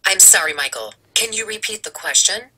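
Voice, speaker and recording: A man voicing a calm, courteous virtual assistant, sounding like a distant device. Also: sits high, brisk, noisy background, pitched above the performer's own voice. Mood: polite. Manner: politely apologetic, evenly spoken.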